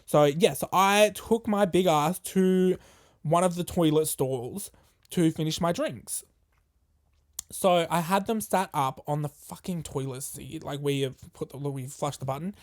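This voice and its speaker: A podcast host, telling a story casually in a profane, animated and jokey way. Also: mid-range voice, measured pace.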